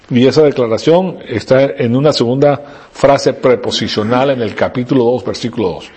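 A man's voice: medium pitch, darkish tone, breathy edge. A man teaching a Bible study to a small group, explaining Greek words and asking them questions as he goes. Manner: explanatory, quizzes listeners.

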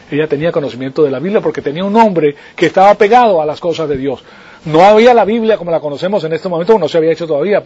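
A man with a slightly high, somewhat mellow and a little rough voice gives a chatty sermon, frequently checking that listeners agree. The recording is dull and lo-fi.

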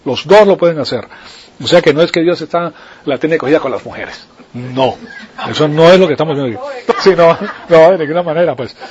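Speaking quickly in a fairly high voice, a man preaches conversationally and keeps asking his listeners to agree. Crowd noise can be heard, and the lo-fi recording sounds dull.

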